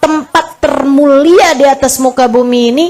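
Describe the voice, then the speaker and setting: A woman's voice: moderate pace, a little mellow. A middle-aged woman giving a casual religious lecture, telling stories and acting out dialogues. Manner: casual, chatty, acts out dialogues with pitch swings. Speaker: preacher.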